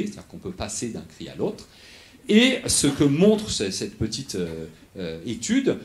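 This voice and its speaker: Man lecturing with a lively pitch. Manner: explanatory, frequent fillers and restarts, checks in with the audience. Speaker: researcher giving a lecture on animal acoustics. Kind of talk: lecture to an audience.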